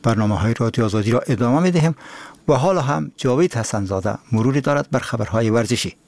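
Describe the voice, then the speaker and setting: Afghan guy announcing radio programmes, formal, normal pitch. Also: lively intonation, darkish tone. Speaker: radio presenter.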